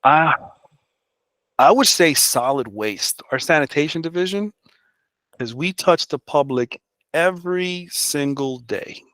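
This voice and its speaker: A man's voice: fairly high pitch, expressive, unhurried, a bit bright, no echo. A man, a public works director, talking candidly in a casual interview and often adding "you know". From the Bronx, New York.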